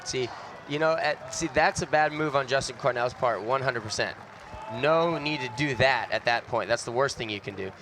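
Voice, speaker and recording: A man gives casual, opinionated color commentary on a paintball match and laughs easily. His voice sits at a medium pitch. Outdoor event noise runs clearly behind him. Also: moderate pace.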